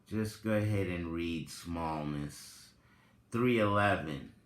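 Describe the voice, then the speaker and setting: A low-voiced man, the reader, commentator and presenter of the recording, gives a very slow, dramatic reading with informal asides. His delivery is theatrical and deliberate, with drawn-out phrasing and long pauses, in a roomy, echoing space.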